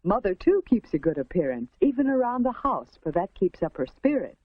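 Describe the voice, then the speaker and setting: An American woman narrates in the manner of a 1950s educational film, prim and instructive. Her pitch moves in a lively way over carefully enunciated phrases. The sound is a dry, slightly muffled vintage film soundtrack. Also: fairly quick, breathy edge, no echo.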